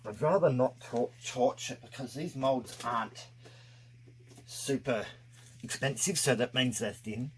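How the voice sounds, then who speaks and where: A man's voice: mid-range voice, a little slow, a little hiss or hum. A man narrating a casual hands-on craft tutorial, his voice muffled by a face mask over his mouth, explaining things step by step. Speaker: craft video host.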